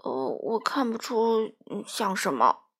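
A woman's voice: high voice, moderate pace, a bit bright, pitched above the performer's own voice. A woman voicing a cheerful, curious young pig in a children's storybook, asking friendly and careful questions.

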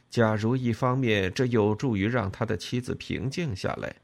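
A man narrating an audiobook in an expressive, emotional storytelling manner. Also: mid-range voice, creaky.

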